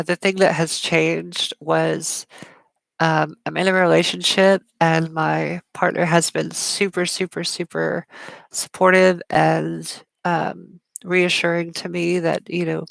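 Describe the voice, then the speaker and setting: Woman streamer with heavy vocal fry. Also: fairly low pitch, fairly even intonation, takes it slowly, fairly bright tone, no room sound. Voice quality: heavy sibilant S sounds. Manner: smiles while talking, chatty with frequent fillers. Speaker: livestream host. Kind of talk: casual live Q&A chat.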